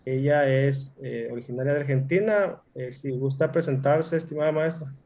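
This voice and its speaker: A man's voice: medium pitch, normal speed, darkish tone, highs cut off. A man from Mexico, a teacher interviewing his guest in a courteous, formal way. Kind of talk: conversational interview.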